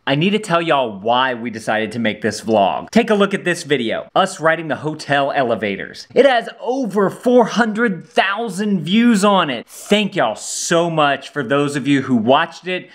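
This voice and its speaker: Playful dad vlogging. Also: male voice, a little high, expressive, measured pace, hardly any pauses. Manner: playful, cheering his children on. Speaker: family travel vlogger. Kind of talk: casual vlog talk with his kids. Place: train station, indoors and out. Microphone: handheld action camera held at arm's length. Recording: loud music bed under the voice. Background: loud background music.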